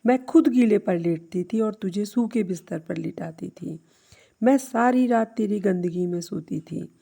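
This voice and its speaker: A woman voicing an aging mother who speaks calmly and gently in a storybook tale. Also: medium pitch, vocal fry. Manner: calm and gentle. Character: aging mother, patient, loving, stern.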